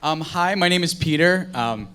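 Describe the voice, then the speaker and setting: Eager high-voiced nineteen-year-old man. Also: expressive, moderate pace, sharp tone, smooth. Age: teens. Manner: eager, gushing, slightly nervous. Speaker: audience member asking a question. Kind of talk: nervous audience question.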